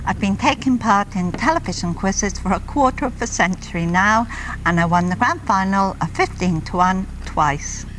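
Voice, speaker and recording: A woman's voice: mid-range voice, expressive, normal speed, fairly bright tone, slight background noise, poor audio. A woman on a quiz team introducing herself with pride as a long-time quiz champion. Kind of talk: self-introduction.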